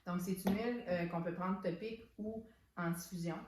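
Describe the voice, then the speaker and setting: A woman's voice: on the low side, fairly even intonation, normal speed, background noise. A woman with a Québécois accent chatting casually as she presents products, with lots of fillers and restarts. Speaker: soap shop owner presenting products. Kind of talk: casual product unboxing chat. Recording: echoey room.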